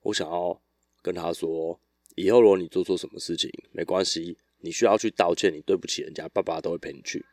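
A man, chatting alone on his podcast in a loose, meandering storytelling style. His voice sits very low and is recorded dry and close, with no room sound around it. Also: a little fast, no echo. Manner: relaxed, rambling storytelling with restarts. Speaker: podcast host. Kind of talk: casual solo podcast chat.

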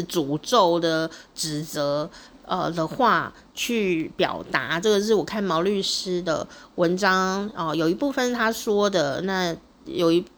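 A middle-aged woman with a Taiwanese Mandarin accent tells a story in a casual monologue. She speaks expressively and often tags her phrases with a drawn-out "oh.". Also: on the low side, slight background noise. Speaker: vlogger.

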